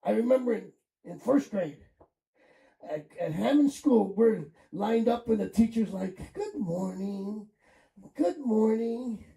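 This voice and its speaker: A man's voice: sits high, a little slow, gravelly, warm tone. A middle-aged man from Chicago doing crude, rambling stand-up comedy with crowd work on a club stage. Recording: echoey club room, mic at a distance.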